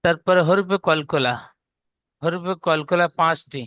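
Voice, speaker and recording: Bright clear male Quran reading teacher. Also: a little high, measured pace, no room sound, muffled recording. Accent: Bengali. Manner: explains step by step, has students repeat the rules aloud. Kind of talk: slow recitation lesson with repetition.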